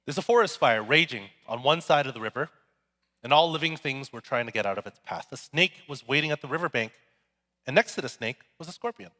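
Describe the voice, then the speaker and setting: Male pastor, relaxed joking sermon, animated pitch, hall reverb. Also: a little fast. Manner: casual, joking, conversational preaching. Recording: echoey hall.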